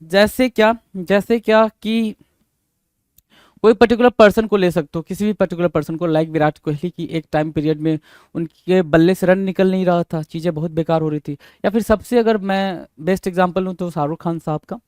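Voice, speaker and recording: A man teaching English idioms for exam preparation, mixing Hindi and English. He repeats each phrase slowly and keeps putting rhetorical questions to his students. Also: high voice, darkish tone, clear, resonant tone, no echo, studio quality. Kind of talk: exam-prep lesson.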